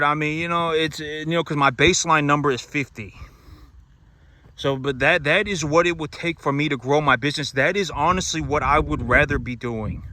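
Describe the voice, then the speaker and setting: Talking casually to camera, a cattle rancher vlogger hammers his points home, repeating himself and restarting sentences amid plenty of fillers. His voice is on the high side, bright and forceful.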